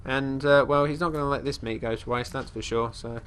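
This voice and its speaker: This let's play host has a mid-range, fairly bright voice with fairly even intonation and talks fairly quickly, over a little hiss or hum. Congested and relaxed, he narrates a fantasy game, describing his character's actions in third person. He rambles and often starts his sentences over.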